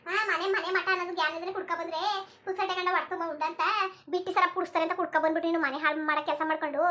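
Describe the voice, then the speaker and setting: A woman voicing a sharp-tongued old village grandmother in a cartoon, scolding and cursing without pause. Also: extremely high pitch, flat delivery.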